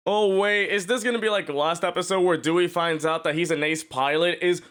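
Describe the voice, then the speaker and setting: A man's voice: sits high, steady tone, a little fast, fairly bright tone, smooth. A man giving casual, exclamatory reaction commentary as a video host, sounding incredulous.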